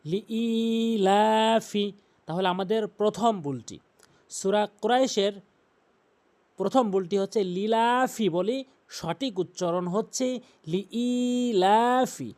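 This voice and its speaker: A man with a high-sitting, somewhat dark voice and lively intonation teaches tajweed pronunciation. He explains common mistakes and draws out the recited words, repeating each sound several times, with drawn-out chanted recitation of example words between his explanations.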